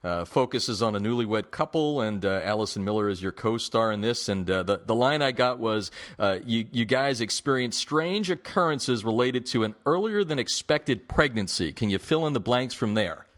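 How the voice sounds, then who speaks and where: A man's voice: medium pitch, animated, moderate pace, hardly any pauses, fairly bright tone. A man hosting an interview, asking questions casually with frequent stumbling restarts. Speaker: show host.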